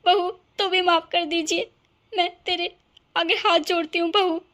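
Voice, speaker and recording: A woman's voice: very high-pitched, steady tone, a little slow, fairly bright tone. A woman voicing a remorseful middle-aged mother-in-law in a cartoon drama, speaking in an apologetic, pleading way.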